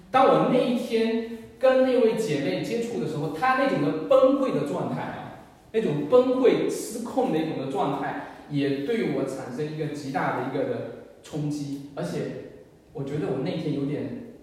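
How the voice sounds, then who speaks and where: A man preaches to his congregation, sharing an earnest and emotional story from his own ministry. His voice sits slightly high. He is recorded from well back in a church hall with heavy echo and a long reverb tail. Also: expressive, moderate pace, a little mellow. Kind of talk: sermon testimony. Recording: echoey church hall, mic far off.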